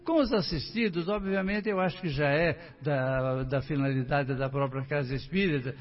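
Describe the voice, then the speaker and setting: A man's voice: fairly high pitch, moderate pace. An older man from Brazil, a guest on a radio talk show, telling his life story and talking straight to the listeners. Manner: warm storytelling, addressing listeners directly. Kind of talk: casual radio interview. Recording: muffled distant radio studio mic.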